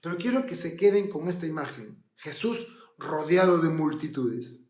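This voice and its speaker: A man preaching a sermon with dramatic storytelling, dropping to a hush and then rising loud. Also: fairly high pitch, expressive, normal speed. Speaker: pastor. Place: church. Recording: roomy church hall.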